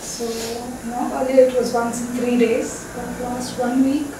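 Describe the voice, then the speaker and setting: A middle-aged woman, a clinic patient, recounting her symptoms and progress in a hesitant, halting way. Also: a little high, little pitch movement. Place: small clinic room, indoors. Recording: roomy, distant, loud background noise.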